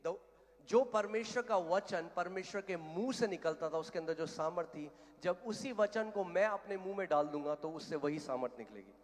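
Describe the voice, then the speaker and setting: Man, preacher, sermon storytelling, emphatic loud declarations, English phrases mixed in, long hall echo. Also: sits high, moderate pace. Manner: mixes English phrases into his talk.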